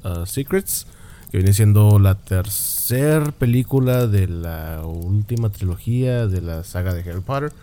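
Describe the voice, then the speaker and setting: Easygoing low-voiced Mexican man. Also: lively intonation, measured pace, mellow, slight background noise. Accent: Mexican Spanish. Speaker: podcast co-host. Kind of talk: casual banter.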